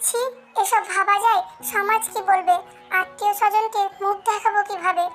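A woman's voice: very high voice, fairly even intonation, moderate pace, music in the background. A woman voicing a stern middle-aged mother who scolds firmly. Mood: scolding.

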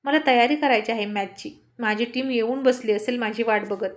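A woman's voice: a little high, moderate pace. A woman narrating a family love story, reading all the characters' lines herself in a light, conversational tone.

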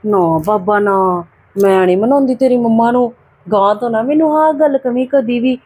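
A woman playing a sickly, put-upon young aunt who talks softly and wearily to a child in an amateur family drama. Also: fairly high pitch, moderate pace, husky. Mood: complaining.

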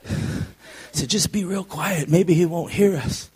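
A man in his fifties from California preaches a sermon that includes personal testimony. He speaks slowly with a breathy edge, shifting from quiet, low storytelling to shouted preaching.

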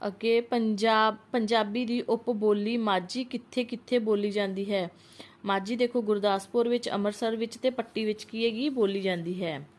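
A woman's voice: medium pitch, steady tone, normal speed. A woman teaching an exam-prep lesson, reading out multiple-choice questions and options, then asking and answering them herself, with some hesitations and restarts.

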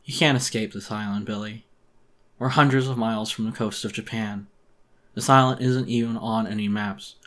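A man's voice: lowish voice, fairly even intonation, normal speed, a bit bright, natural voice. A man voicing a weary, wounded raccoon jailer who speaks in a tired, resigned way, muffled and in pain. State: in pain, breathing heavily.

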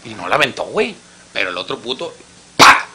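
Lively, bright-voiced man telling crude jokes. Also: fairly low pitch, fairly quick, slight background noise. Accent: Mexican Spanish. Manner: crude slang, acts out every character. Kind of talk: joke telling, casual storytelling.

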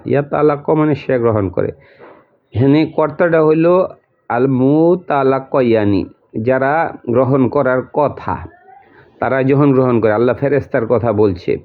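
A man teaching a Quran translation lesson, repeating each word and its meaning slowly, step by step. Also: mid-range voice. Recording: tinny phone-like audio.

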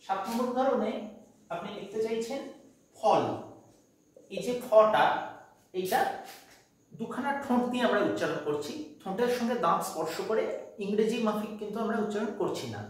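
A man's voice: high voice, moderate pace, pauses often. A man teaching a patient, step-by-step phonetics lesson, checking in with his students as he goes. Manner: patient, step by step, asks "তাই তো?". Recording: echoey room, mic at a distance.

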